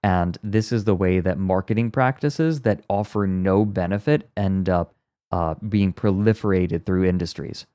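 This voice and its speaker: A low-pitched man chats casually while reacting to a video, rambling through explanations and dropping wry asides. His mellow, dark voice is muffled and close because he records beneath a blanket, which kills the room sound and leaves the audio very dry. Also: a little slow, no room sound. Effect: muffled under a blanket for sound deadening. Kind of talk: casual stream chat. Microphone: close mic inside a blanket fort.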